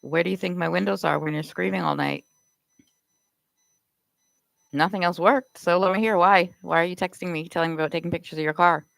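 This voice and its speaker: A woman's voice: on the low side, fairly even intonation, a little fast, gravelly, long pauses, a bit bright, no room sound, low-quality recording. A Canadian woman live streaming, firing off accusatory rhetorical questions in a confrontational rant.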